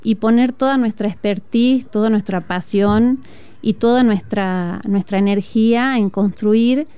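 Interviewed as a guest in an outdoor school courtyard, a flutist and music teacher from Tucumán talks earnestly and reflectively, often pausing on "eh." Her Argentine Spanish accent comes through a mid-range voice that is warm, clear and resonant, recorded dry.

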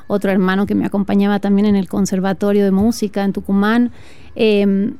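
A woman from northern Argentina with a northern Argentine accent, a music teacher speaking earnestly and reflectively as an interview guest, often pausing on fillers. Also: mid-range voice, flat delivery, mellow, clear, resonant tone, dry recording. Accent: northern Argentine Spanish. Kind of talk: conversational interview. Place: school patio, outdoors.

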